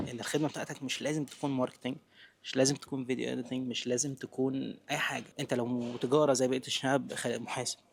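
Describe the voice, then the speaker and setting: A young Egyptian man speaks very rapidly in natural, unscripted talk. His voice sits at a medium pitch, and he addresses the listener informally and directly, like a friend, dropping English terms into his Egyptian speech. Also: vocal fry, a little hiss or hum. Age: 20s. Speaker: vlogger giving business advice.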